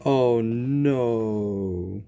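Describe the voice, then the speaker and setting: A gaming video host reacts casually as he plays, talking expressively to himself. His mid-range voice is warm, clear and resonant, with drawn-out words and vocal fry, and game music plays behind him.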